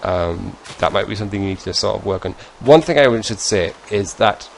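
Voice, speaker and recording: A man's voice: lowish voice, animated, normal speed, vocal fry, a little hiss or hum, rough recording. A British man answering viewer questions in a casual vlog, in a rambling, self-deprecating and chatty way. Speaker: YouTuber.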